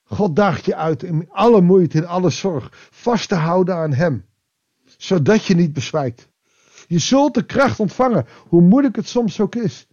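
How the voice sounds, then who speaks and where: A man preaching a devotional sermon, reflective and pausing, rising with emphasis and then dropping to a quiet voice. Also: sits high, lively intonation, lo-fi sound.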